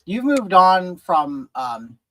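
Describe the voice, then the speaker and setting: High, sing-song and fairly bright, this man's voice moves at a slow pace over poor audio. A livestream host from rural California, he chats casually with viewers while doing makeup, reading and answering chat as he rambles and hesitates, restarting many sentences.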